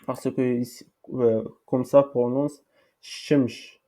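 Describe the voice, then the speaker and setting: Man w teaching, super slow, lots of euh and repeats, dark mellow voice. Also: mid-range voice, fairly even intonation. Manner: halting, many fillers and repetitions. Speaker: language teacher. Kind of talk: slow spoken lesson, repeating words.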